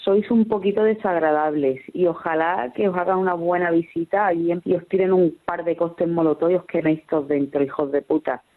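A woman's voice: on the low side, fairly even intonation, a little fast, hardly any pauses. A woman leaving a hostile, insulting voicemail message, played back over a phone line.

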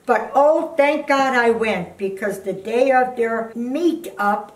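Slow-talking elderly grandma, scolding and blunt. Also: female voice, on the high side. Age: 80s. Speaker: grandmother reading fan fiction aloud on a video channel. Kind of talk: halting read-aloud with indignant asides. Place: indoor living room, seated in an armchair. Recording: roomy, distant microphone.

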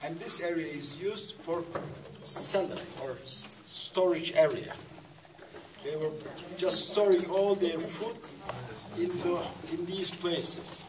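A man working as a tour guide, explaining things to a group in halting short phrases, with an echoing cave sound. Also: high-pitched, background noise. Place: underground rock-cut tunnels and chambers. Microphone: handheld camera some distance away. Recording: echoey cave, distant handheld camera mic, crowd. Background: tour group chatter.

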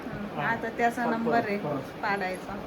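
A woman's voice: mid-range voice, fairly even intonation, normal speed. A young woman vlogging casually at a family home, chatty and teasing. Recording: loud background noise.

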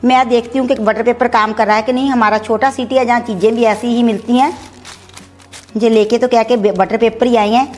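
A middle-aged woman chats her way through a recipe in her home kitchen, explaining each step as she cooks and mixing in English words, like a cooking channel host giving a home cooking demo. Her voice is a little high, steady and darkish, and she talks a little fast over a slight hiss or hum.

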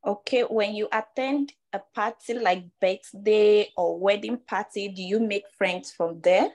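Slow-spoken young Nigerian woman. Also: mid-range voice, darkish tone. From Ondo State, Nigeria. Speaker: language test candidate. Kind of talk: question-and-answer test conversation.

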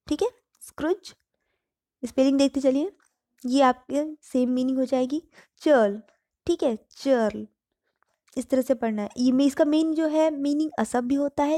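A woman teaching vocabulary, explaining in Hindi with words mixed in and repeating each word slowly for pronunciation. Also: high-pitched, dark tone, dry recording, studio quality. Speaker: English teacher. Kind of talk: vocabulary lesson.

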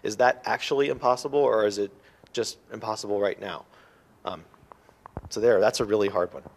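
A man's voice: on the low side, a little fast, vocal fry. A man speaking as a faculty panelist, hesitant with many restarts. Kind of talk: panel discussion.

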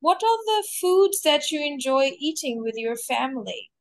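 A woman acting as examiner in a mock English speaking test, asking clear, measured questions. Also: sits high, very animated, no room sound.

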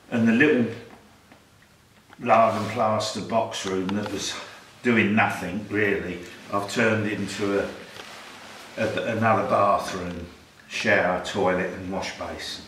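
A man's voice: fairly low pitch, fairly even intonation, slow, a bit bright, distant mic. An older man talking casually about his renovation work, listing each job in a plain, matter-of-fact way. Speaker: homeowner showing his renovation. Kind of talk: casual walkthrough chat. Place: small cottage rooms indoors, then garden outdoors. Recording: echoey rooms with faint background noise.

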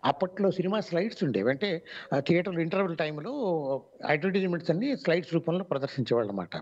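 A man with a Telugu accent, a mimicry artist, answering radio interview questions in a measured, explanatory way with many pauses and fillers. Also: fairly high pitch, very animated, darkish tone. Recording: dull lo-fi online radio audio.

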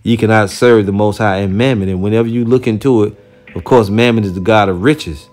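A man with a fairly low voice delivers an informal preaching commentary, blunt and heated, dropping casual profanity as he goes. He slows right down to read scripture aloud with care. Faint music plays behind him. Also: darkish tone. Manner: reads scripture aloud slowly and deliberately. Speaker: religious teacher reacting to a video.

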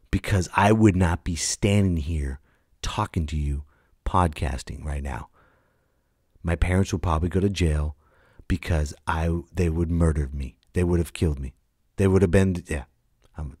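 A man's low, slightly rough voice carries this solo podcast, recorded dry with clean studio sound. In his late thirties, he rants and tells stories casually and bluntly, with emphasis, swearing, and quoted lines acted out.

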